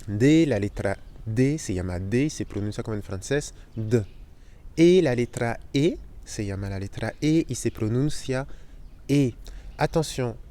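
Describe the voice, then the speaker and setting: A man's voice: mid-range voice, lively intonation, warm tone. Man teaching Spanish letters. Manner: explains slowly, spelling out sounds and repeating them. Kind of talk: language lesson.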